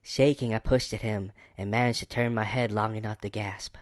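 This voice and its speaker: A man's voice: lowish voice, steady tone, moderate pace, no room sound, close to an everyday voice. A man reading a romance novel aloud as its female first-person narrator, in a slightly raised voice with a mock Texas accent. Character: woman narrating her own romance story.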